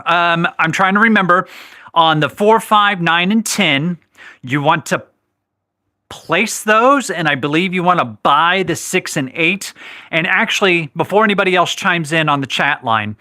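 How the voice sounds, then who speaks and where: A man hosts a live craps stream in a bright, slightly high voice, recorded dry and close. He chats casually, reads viewer questions aloud and corrects himself as he goes. He has the hiccups. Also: lively intonation, measured pace, dry recording. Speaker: livestream host.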